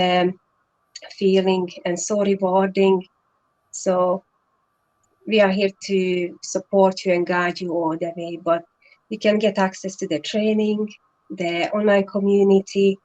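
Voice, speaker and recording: Speaking earnestly but haltingly with plenty of fillers and restarts, this Hungarian native is a guest and online business partner on a casual live stream. Her medium-pitched voice is flat and a little mellow, and the recording is rough.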